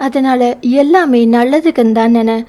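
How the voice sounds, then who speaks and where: A woman's voice: sits high, moderate pace, natural voice. A woman reading the part of a young husband in an audio novel, teasing and tender by turns. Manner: playful teasing, turns soft and pleading.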